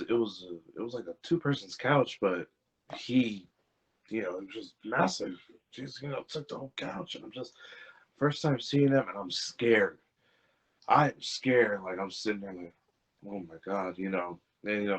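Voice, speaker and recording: A young man, an interview guest, telling family stories in a casual way, laughing and doing lively voices for the people in them. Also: lowish voice. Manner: laughing, animated impressions in retelling. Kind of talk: casual storytelling. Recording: dull lo-fi audio.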